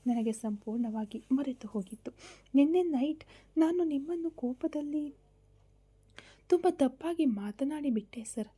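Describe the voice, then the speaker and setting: A woman voicing a tearful young wife apologizing to her husband over the phone, in a soft breathy voice. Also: sits high. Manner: pleading, soft breathy delivery.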